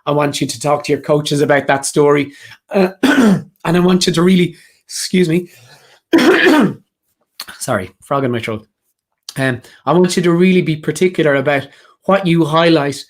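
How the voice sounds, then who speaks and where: A man presenting a live career-coaching session, talking earnestly and directly to job seekers with a lot of repetition. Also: on the high side. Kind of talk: motivational live session talk.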